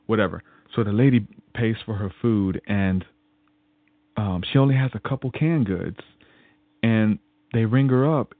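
Low-voiced man on a tinny line. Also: no echo. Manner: rambling, repeats words and restarts often. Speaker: podcast guest. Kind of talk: casual spoken testimony.

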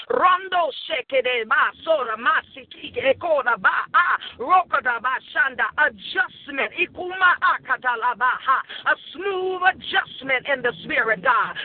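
A man's voice: extremely high pitch, no echo. A man praying aloud with fervor, speaking in tongues, ending phrase after phrase with "God" and many "uh" fillers, in a hotel room. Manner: rhythmic, repeats 'God' after each phrase, frequent 'uh' fillers. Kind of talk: fervent spoken prayer with speaking in tongues. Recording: tinny phone-like dry recording.

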